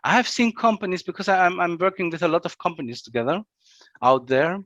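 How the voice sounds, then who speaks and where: A man's voice: high voice, animated, fast, fairly bright tone, no room sound, lo-fi sound. Dry-sounding man explaining, says "yeah" often. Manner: repeats words, ends phrases with tag "yeah". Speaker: guest, project management executive. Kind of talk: casual video-call interview.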